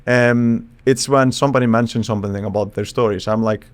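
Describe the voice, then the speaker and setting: A man from Iceland, a psychologist guest on a podcast, explaining in a thoughtful, halting way with frequent restarts. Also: medium pitch, fairly even intonation, clear, resonant tone. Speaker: psychologist and charisma expert guest. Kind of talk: casual podcast interview.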